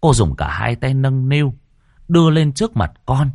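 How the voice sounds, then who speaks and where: A man narrating a ghost story in an expressive, dramatic way, close to the microphone. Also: medium pitch, normal speed, gravelly, dry recording.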